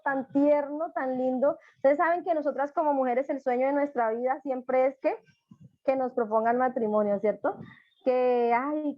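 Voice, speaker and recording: A woman's voice: high-pitched, no echo. A woman speaking from her living room as a church tutor, giving a fervent personal testimony and repeating phrases for emphasis. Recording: dull, dry home recording.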